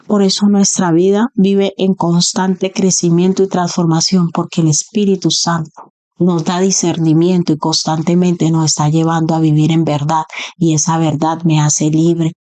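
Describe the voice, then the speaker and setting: Earnest woman preaching, low voice. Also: little pitch movement, moderate pace, mellow. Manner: earnest, with rhetorical questions and acted quotes. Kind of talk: sermon.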